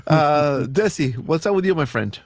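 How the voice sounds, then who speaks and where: A man's voice: a little high, lively intonation, normal speed, faint music behind. A man hosting a casual group chat, jokey and upbeat, thanking guests and passing the turn. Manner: jokey, upbeat, laughs easily. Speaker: host.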